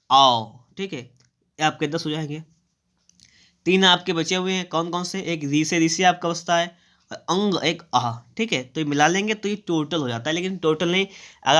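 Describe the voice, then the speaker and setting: A male grammar teacher, coaching exam students. His voice is bright and crisp and sits a little high for a man. He asks his own questions, answers them, repeats the key terms and draws out the vowels. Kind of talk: exam-prep grammar lesson.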